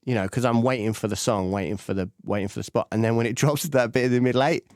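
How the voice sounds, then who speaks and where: A man hosting a casual interview podcast, enthusiastic and quick to laugh, with frequent fillers. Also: medium pitch, no echo, studio quality. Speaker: podcast host.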